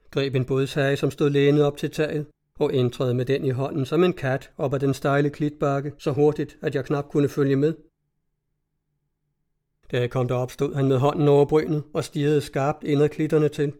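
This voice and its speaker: A man narrating a classic story in a measured storytelling manner. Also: on the high side, mellow. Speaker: audiobook narrator. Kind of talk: scripted narration of a classic tale.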